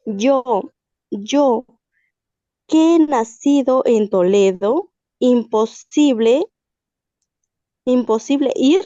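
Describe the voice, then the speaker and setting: Slow, hesitant woman reading aloud over a video call. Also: on the high side, lively intonation, dark tone, no echo, muffled recording. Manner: hesitant, stumbles and restarts on hard words. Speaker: student reading aloud in class. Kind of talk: halting reading aloud of a literary text.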